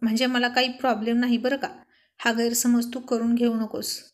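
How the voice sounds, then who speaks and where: A woman's voice: a little high, flat delivery, moderate pace, lightly acted. A woman voicing a polite young man who is careful not to offend his friend, in a storybook reading. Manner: careful, apologetic.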